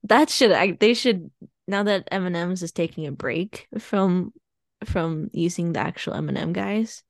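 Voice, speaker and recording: Her pitch is fairly low and her delivery unhurried as she co-hosts a podcast, loosely recounting a plot with many fillers and laughs. The sound is clean studio audio without echo.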